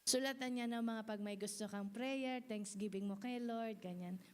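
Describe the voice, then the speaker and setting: Preaching at a moderate pace, this woman pastor uses a high, bright-pitched voice and an animated delivery full of laughter. Her sermon slips in and out of English, and she keeps asking the congregation for responses.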